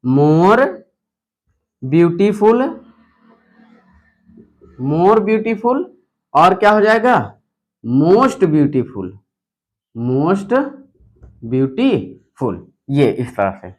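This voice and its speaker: A man's voice: fairly high pitch, very animated, slow pace. A young male English teacher, explaining grammar rules at a whiteboard and answering his own rhetorical questions. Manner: repetitive, asks rhetorical questions then answers them.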